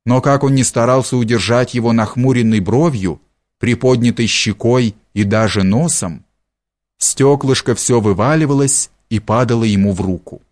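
Male audiobook narrator, measured and expressive classic prose reading, mid pitch. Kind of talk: scripted literary narration.

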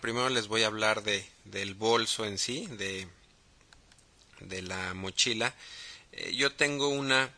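Slow, bright-voiced Mexican podcast host. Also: male voice, on the low side. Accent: Mexican Spanish. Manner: halting, many fillers and restarts. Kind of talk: casual podcast talk.

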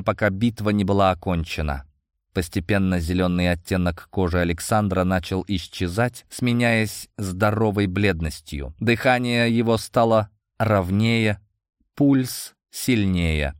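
Male audiobook narrator, low voice, steady, close and dry. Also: no room sound.

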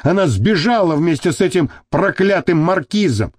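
A man's voice: on the high side, sing-song, normal speed, darkish tone, no room sound, clean studio sound. A man reading the part of a rude, brutish thug who growls and snaps at people. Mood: gruff. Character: rough brutish male thug, quick to snap.

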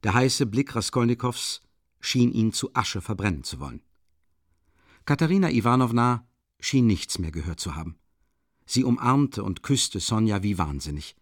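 A man narrating a classic novel in a measured, expressive storytelling manner. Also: on the low side, dry recording, clean studio sound. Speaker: audiobook reader. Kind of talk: scripted literary narration.

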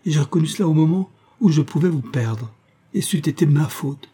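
A man's voice: medium pitch, moderate pace, warm tone, slightly rough, lightly acted. A man reading aloud, voicing a tender young actress who speaks earnestly and with emotion. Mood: emotional.

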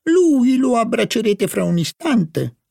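A man's voice: extremely high pitch, big pitch swings, takes it slowly, gravelly, darkish tone, pitched above the performer's own voice, heavily acted. A man reading an audiobook, voicing a sly, insistent elderly professor in a raised, coaxing voice.

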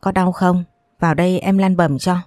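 A devoted young wife in a storybook who fusses over her bruised husband, voiced by a woman narrator. The voice is low and soft-spoken, in a dry, close recording. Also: fairly even intonation, moderate pace, dry recording, faint music behind, close to an everyday voice. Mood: caring. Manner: tender, caring.

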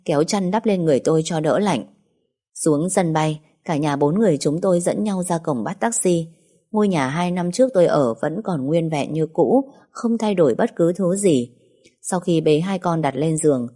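A woman narrating a first-person story in a calm, reflective way. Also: low voice.

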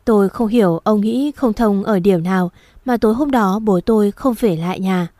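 A woman reading a first-person story aloud in a steady, somber storytelling manner. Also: mid-range voice, moderate pace, dry recording, clean studio sound. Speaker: narrator.

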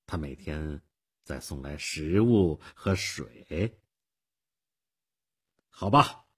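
A man narrating a story for radio in an expressive, acted-out style. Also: a bass voice, slow, slightly rough. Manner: expressive, acts out the scenes.

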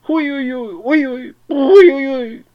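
A man's voice: mid-range voice, big pitch swings, pitched above the performer's own voice, natural voice. A man doing a furious snarling yard dog. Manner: growling, snarling. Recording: slightly dull lo-fi recording.

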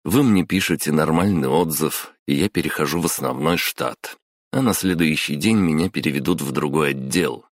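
A man's voice: extremely low pitch, normal speed, no room sound, clean studio sound. A man playing a smug, cool young trainee. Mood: calm, smug. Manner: calm and smug, turning cold and menacing. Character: cool, cocky young male office trainee.

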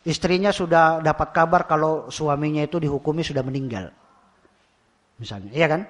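A man's voice: a little high, brisk. A man with a Javanese Indonesian accent teaching a religious study class, often asking rhetorical questions and repeating key phrases. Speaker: Islamic teacher.

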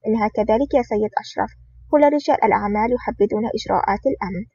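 A reader voicing a huge, gruff male bodyguard in an audiobook, in a cold, curt manner. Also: mid-range voice, rapid-fire, dark tone, slight background noise, natural voice. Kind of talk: audiobook reading. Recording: dull lo-fi recording.

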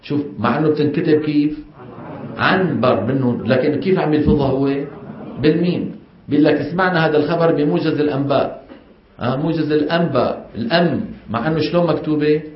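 A man's voice: fairly high pitch, fast, slight background noise. A middle-aged man teaches Quran recitation, explaining step by step, questioning the class and modeling the sounds. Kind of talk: classroom lesson. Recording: echoey room, dull sound.

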